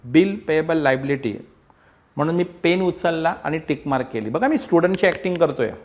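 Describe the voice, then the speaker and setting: Guy teaching accounts online, kinda high voice, keeps begging the kids to look up. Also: lively intonation, fairly quick, slight background noise. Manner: coaxing, repetitive, mixes Marathi, Hindi and English; acts out student replies. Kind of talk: online classroom lecture.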